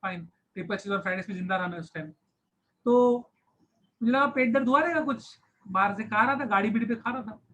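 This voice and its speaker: A man in his thirties, a science teacher, tells a lively personal story to his class, acting out groans of pain and mixing English phrases into Hindi. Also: sits high, brisk, rough recording. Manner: animated, acts out cries of pain, mixes English into Hindi.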